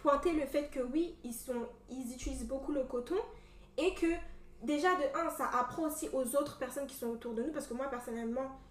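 High-voiced young woman, animated, distant echo. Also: fairly quick. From Cameroon. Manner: animated storytelling, many fillers. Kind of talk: casual chat. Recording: echoey room from a distance.

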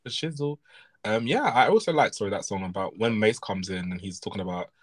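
Male podcast co-host, lowish voice, rambling and self-correcting, chuckling as he goes. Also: sing-song, fast. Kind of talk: casual chat.

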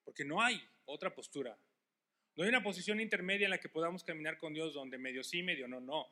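A male pastor delivers an impassioned sermon. His voice is bright and forceful and sits slightly high for a man. He swings between loud appeals and hushed, intimate stretches. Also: fast. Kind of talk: sermon and closing prayer.

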